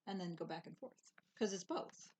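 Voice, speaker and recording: A woman co-hosting a casual stitching chat, wry and quick to laugh. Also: on the low side, expressive, darkish tone, a little hiss or hum. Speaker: co-host.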